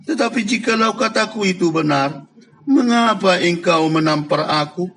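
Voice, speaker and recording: A man reading the words of Jesus, a calm grown man answering his accusers, in a steady, solemn way. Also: high-pitched, normal speed. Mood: calm, firm.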